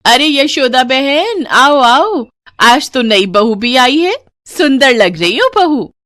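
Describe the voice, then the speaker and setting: A woman voicing a loud, cheerful older hostess who draws out her words in welcome. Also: a little high, sing-song, moderate pace, no room sound, studio quality, voice pushed up. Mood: welcoming.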